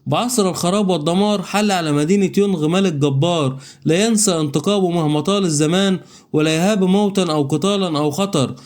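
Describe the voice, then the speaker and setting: A man's voice: high-pitched, a little mellow. A man narrating a comic story recap and reading all the characters' lines himself. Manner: brisk, reads every character's lines in the same plain voice.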